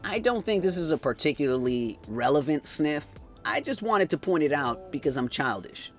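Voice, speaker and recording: A man's voice: on the high side, big pitch swings, normal speed. A man narrating a comedic movie recap, full of sarcastic, jokey asides, over background music. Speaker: movie reviewer.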